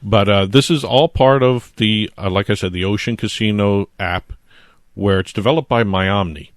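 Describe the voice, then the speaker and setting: Deep-voiced man explaining legal details. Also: normal speed, no echo, clean studio sound. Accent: New Jersey. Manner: explains at length, chatty with fillers. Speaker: co-host, trademark attorney. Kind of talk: casual podcast chat.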